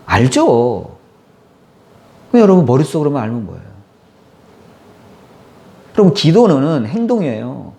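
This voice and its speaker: Male pastor, fervent sermon delivery, gravelly and animated. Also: medium pitch, measured pace, pauses often. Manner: impassioned, acts out prayers and quotes, asks the congregation.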